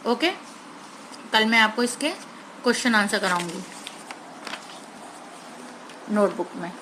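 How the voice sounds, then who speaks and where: A woman teacher slowly explaining a grammar lesson to young children, sounding out words carefully and mixing in English words. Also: mid-range voice, pushed and bright, a little hiss or hum, poor audio.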